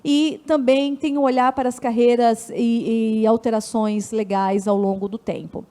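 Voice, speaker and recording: A woman's voice: a little high, little pitch movement, moderate pace, mellow. A woman with a Brazilian Portuguese accent, an official giving an online seminar talk. She explains step by step, often corrects herself mid-sentence, and poses questions to herself before answering them. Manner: frequent restarts and self-corrections. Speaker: public administration official presenting her department.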